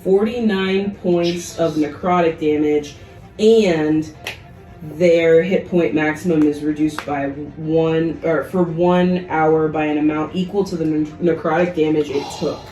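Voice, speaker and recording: Slow, mellow-voiced woman player. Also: sits low, steady tone, reverberant, recorded from a distance, faint music behind, poor audio. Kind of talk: playing a tabletop game.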